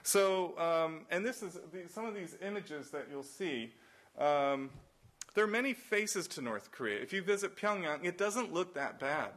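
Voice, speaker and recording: In a college symposium room, a nonprofit director with a slightly high, bright voice gives an anecdotal talk with slides, unhurried and lively in intonation. He's loose, full of fillers and restarts, and acts out quoted exchanges in raised voices.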